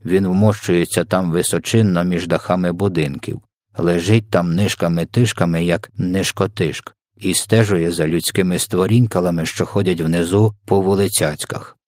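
A man voicing a kind, soft-spoken giant who jumbles his words, in an audiobook reading. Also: sits low, fairly even intonation, moderate pace, no room sound, studio quality, natural voice. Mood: explaining. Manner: soft, muddled, made-up words. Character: kindly big male giant, soft-spoken, mangles words.

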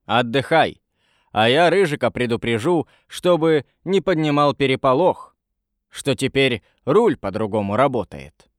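A calm, practical sailor who leads his crew with measured words, as a narrator gives him voice. The delivery stays close to the narrator's own, with lively intonation and a dry sound. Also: mid-range voice, no echo, lightly acted.

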